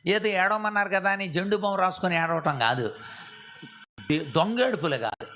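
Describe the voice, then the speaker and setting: A male pastor preaching a sermon, often asking the audience questions and acting out prayers in a soft, low voice. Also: moderate pace. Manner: asks the audience rhetorical questions.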